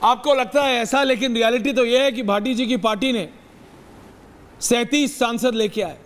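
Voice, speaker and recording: A man's voice: extremely high pitch, normal speed, fairly bright tone, in a large hall. A man anchoring a live TV news debate, cueing panelists and dropping English phrases into Hindi.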